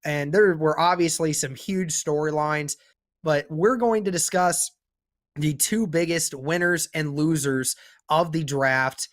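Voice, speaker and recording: A young man with a sore throat hosts a casual sports podcast, his fairly high voice moving at a measured pace. He stays upbeat and leads the discussion.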